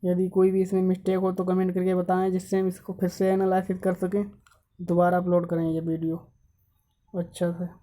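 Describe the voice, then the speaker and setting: Flat, dark-voiced teacher reading a syllabus. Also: mid-range voice, a little fast. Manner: lists topics one by one, stopping to correct errors. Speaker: YouTube teacher.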